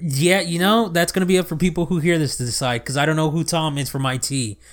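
A man's voice: a little high, fast talker. A man co-hosting a podcast in casual chat. He teases and mocks sarcastically. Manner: teasing, sarcastic, animated. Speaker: podcast co-host.

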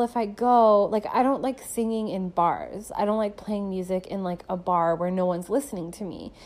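A young woman talks through a personal story in a loose, chatty way, filling her sentences with little fillers and breaking into laughs. Her voice sits at a middling pitch for a woman. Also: a little mellow. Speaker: podcast host and musician. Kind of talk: casual personal monologue.

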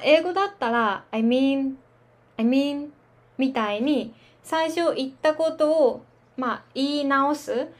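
A woman teaching Japanese filler words in a relaxed, chatty podcast lesson, laughing at her own fillers. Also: high-pitched. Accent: standard Japanese. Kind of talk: slow casual language lesson.

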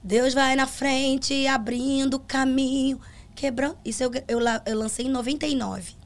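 Speaking at a measured pace with a voice that sits high, this middle-aged gospel singer from Brazil recounts stories in a relaxed interview. She has a Brazilian Portuguese accent and performs the dialogue she quotes, storytelling with plenty of animation.

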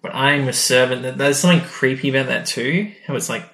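Recapping an episode's story on a podcast, a male co-host acts out people's reactions as he retells it. He talks fast at a medium pitch with a fairly bright tone, in an echoey room.

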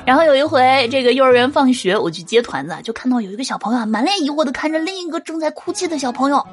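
A woman's voice: sits high, animated, quick pace, some chatter behind. Amused mother telling funny stories. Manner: amused, often laughing between jokes. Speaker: mother telling family anecdotes. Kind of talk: humorous storytelling monologue.

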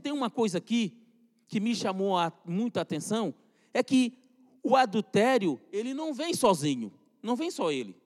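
A man preaching a sermon with fervent emphasis that rises and falls. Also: very high-pitched. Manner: fervent, rising and falling emphasis. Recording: long hall reverb.

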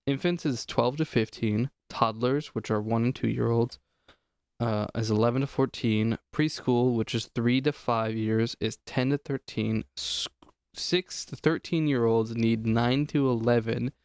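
Dry-voiced podcast host reading lists. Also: male voice, mid-range voice, unhurried, a little mellow, smooth, dry recording. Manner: reads lists aloud, joking. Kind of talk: casual chat.

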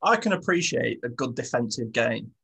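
A man co-hosts a casual sports podcast, blunt and sweary and quick to laugh. His voice is gravelly and husky. He sits at a middling pitch. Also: big pitch swings, bright, forceful tone. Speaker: podcast co-host.

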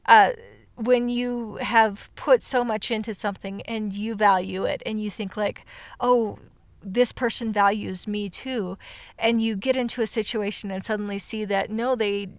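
A woman co-hosting a podcast, talking casually and reflectively in a halting, thoughtful way, her voice starting to give out. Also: medium pitch, steady tone, no room sound. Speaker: podcast co-host.

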